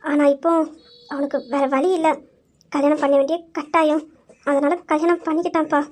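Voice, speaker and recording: A fretful old grandmother, voiced by a woman, coaxing and hesitant, who trails off as she talks. Her voice sits very high but drops lower and softer than the other roles. Amateur family drama. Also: level tone, fairly quick, close to an everyday voice. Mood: worried.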